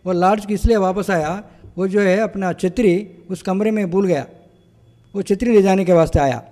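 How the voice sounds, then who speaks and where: A man's voice: high voice, moderate pace, dark tone, in a large hall. A man telling stand-up jokes and stories, full of repeats and fillers. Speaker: mimicry and joke performer.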